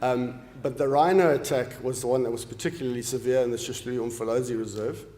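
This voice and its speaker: A man in his late forties from Zimbabwe delivers a formal lecture in an earnest way, pausing on ums and restarting his phrases. His voice sits at an ordinary middle pitch. The sound is roomy, with a long reverb from a large hall. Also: steady tone, mellow. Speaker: professor giving an inaugural lecture.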